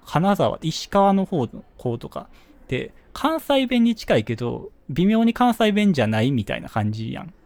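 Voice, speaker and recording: A young man with a Kansai accent, chatting casually as a podcast co-host, musing with quick asides. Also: a little high, sing-song, creaky, darkish tone, no echo. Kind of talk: casual chat.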